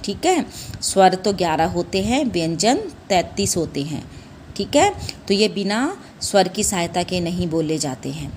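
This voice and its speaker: A young primary school Hindi teacher leads a classroom lesson in a fairly low, sing-song, slightly mellow voice at a measured pace, with slight background noise. She patiently repeats "ठीक है," asks the children questions back, calls them "बेटा" and "बच्चों," and lengthens sounds to demonstrate them.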